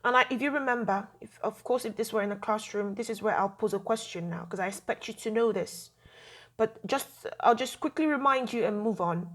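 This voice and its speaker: Woman teacher, fairly high voice, patient and repetitive, recorded grammar lesson. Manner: patient, repeats key points, many fillers.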